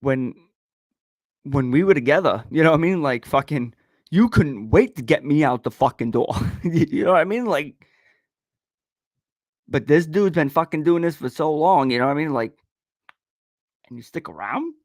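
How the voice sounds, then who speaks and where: A man's voice: a little high, lively intonation, normal speed, long pauses, a little mellow, dry recording, clean studio sound. A man telling a personal story in casual chat, swearing constantly and laughing between sentences. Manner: profane, rambling, laughs often. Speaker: podcast host.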